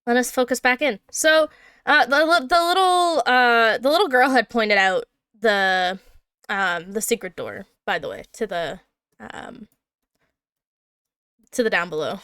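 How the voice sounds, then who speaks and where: Woman, livestream game master; bright, clear, dry close sound, chatty and giggly. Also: on the high side, lively intonation, a little slow, dry recording. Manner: chatty, laughs often, hums while looking things up. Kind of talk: running a tabletop game on a livestream.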